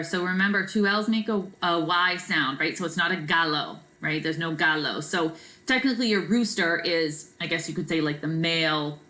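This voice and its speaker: A woman teaching a Spanish vocabulary lesson in a relaxed, chatty way, often checking in with "right?" and filling pauses with "um.". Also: on the low side, poor audio. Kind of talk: recorded classroom vocabulary lesson.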